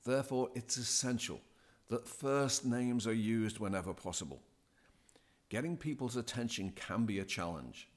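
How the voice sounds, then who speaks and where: A man speaking as a podcast guest, giving deliberate, emphatic advice as a DJ coach. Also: medium pitch, expressive. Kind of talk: measured, scripted-sounding advice.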